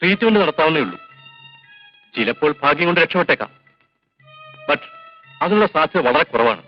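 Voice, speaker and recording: An actor playing a calm hospital doctor in a 1980s film drama, speaking in a measured, formal way and mixing in English phrases. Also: male voice, a little high. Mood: grave. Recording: dull 1980s film soundtrack with faint music.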